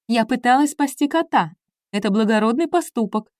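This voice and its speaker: A mischievous young woman with a lifted, chirpy voice, as a female audiobook reader puts her on. She teases and jokes, her lines bright and bouncy though the voice keeps a mellow warmth, recorded close and dry. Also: a little high, lively intonation, brisk, dry recording, voice pushed up, close to an everyday voice. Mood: teasing. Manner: teasing, chirpy. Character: lively playful young woman, teasing and impulsive. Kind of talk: audiobook character voice.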